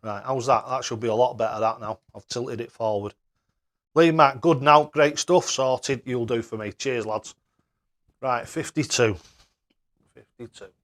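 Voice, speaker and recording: A man's voice: mid-range voice, a little slow, fairly bright tone. A man chatting casually on a live stream as he plays darts, matey and self-deprecating.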